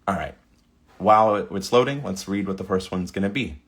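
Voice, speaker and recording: Male creator, lowish voice, casual read-through of prompts with loose reactions. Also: brisk. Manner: reads prompts aloud, stumbles over words, laughs. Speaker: video creator. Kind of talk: casual screen-recording commentary.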